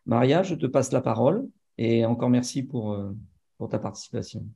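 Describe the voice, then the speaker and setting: A man introducing a seminar speaker, halting, with many repeated words and fillers, over a video call. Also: medium pitch, animated, gravelly, dark tone, slightly rough. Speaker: seminar host. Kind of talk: hesitant spoken introduction.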